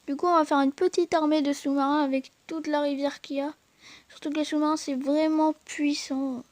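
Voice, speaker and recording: A woman's voice: sits high, level tone, brisk, no echo. A woman hosting a gaming channel, chatting to viewers while she plays and stumbling over fillers and restarts. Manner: hesitant, full of fillers and restarts; chatty, addresses viewers directly. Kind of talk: gameplay commentary.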